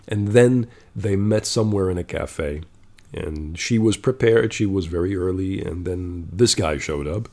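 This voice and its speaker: A man's voice: deep voice, a little slow, dark tone. A man telling a story in a casual monologue, blunt and profane, growing exasperated and checking in with "okay?".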